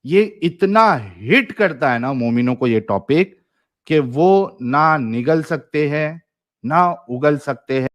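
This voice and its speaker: A man's voice: on the high side, animated, slow pace, fairly bright tone. A man hosting a heated live debate, insistent, repeating his point and talking over the caller. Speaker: debate show host.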